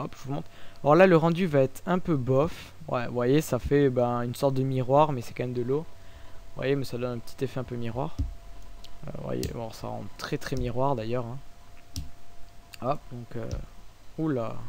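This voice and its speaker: A young Frenchman walks through a 3D rendering tutorial at his desk, talking loosely into his microphone. His delivery is halting and informal, full of little fillers and restarts as he clicks along. His voice sits at an ordinary middle pitch for a man. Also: vocal fry, a little mellow. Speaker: tutorial maker. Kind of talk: casual screen-recorded software tutorial.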